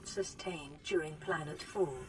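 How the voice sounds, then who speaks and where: A woman voicing a calm female AI assistant in a video game, speaking in a gentle, even, clinical caretaking tone. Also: sits low, a little slow, poor audio. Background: loud game music.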